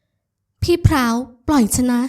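A woman's voice: measured pace, a little mellow, lightly acted. Feisty young woman, scolding and sarcastic, voiced by a woman.

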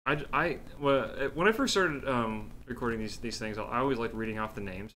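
A man's voice: medium pitch, a little fast, sharp tone, slight background noise. A man co-hosting a casual gaming podcast, rambling, swearing and laughing often as he plays. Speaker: podcast co-host. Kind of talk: casual chat while gaming.

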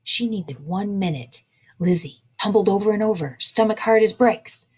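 A woman librarian reading a children's picture book aloud in a slow, expressive way. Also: medium pitch, breathy edge.

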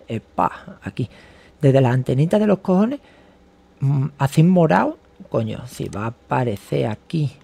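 Gravelly man, agitated vlogger. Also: mid-range voice, mellow. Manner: agitated, rambling, swears often. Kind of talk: casual monologue to camera.

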